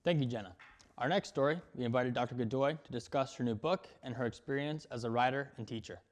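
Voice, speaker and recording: A man's voice: mid-range voice, quick pace. A man anchoring a student news broadcast, reading scripted lines and interviewing a guest.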